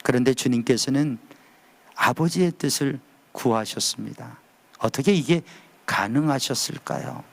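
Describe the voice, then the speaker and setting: A man in his fifties preaching earnestly at a dawn prayer service, swinging between high emphatic calls and low hushed phrases. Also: moderate pace, gravelly. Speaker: pastor.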